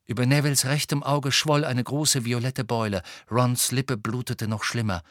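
A man narrating an audiobook in a measured storytelling manner. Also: medium pitch, fairly even intonation, fairly bright tone, dry recording, clean studio sound. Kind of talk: scripted narration.

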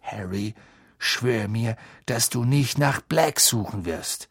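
A man voicing a worried, kindly middle-aged father who speaks hushed and earnest in an audiobook. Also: mid-range voice, expressive, takes it slowly, creaky, breathy edge, dry recording, studio quality, heavily acted.

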